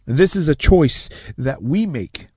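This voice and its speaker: Raised in Tonga and a native Tongan speaker, a man hosts a talk show as a success coach, giving a slow, emphatic motivational monologue with dramatic pauses and drops to soft near-whispers. His fairly high voice is expressive with a breathy edge, in a dry, studio-quality recording.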